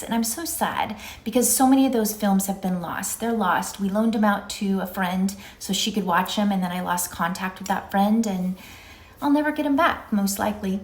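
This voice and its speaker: A woman in her fifties chatting in a casual, rambling, reflective way, recorded in an echoing indoor stairwell. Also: fairly low pitch. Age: 50s. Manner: rambling, musing, conversational. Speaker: vlogger. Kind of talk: casual, reflective solo vlog chat.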